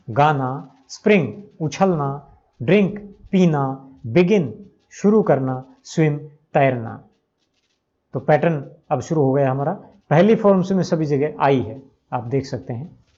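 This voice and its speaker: Slow, methodical male English teacher. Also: on the high side, a little mellow, lo-fi sound. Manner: repeats each verb form and gives Hindi meanings. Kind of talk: slow, methodical grammar lesson.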